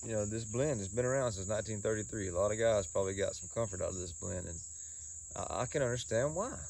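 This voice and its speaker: A man giving a casual solo review in a folksy, halting way, often repeating words and pausing. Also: lowish voice, gravelly, a little mellow. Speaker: pipe tobacco reviewer.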